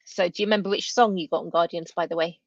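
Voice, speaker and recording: A woman's voice: lowish voice, fairly even intonation, fast talker, dry recording, muffled recording. A woman hosting a casual chat interview, who has trouble with r sounds and says them as w. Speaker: live stream host.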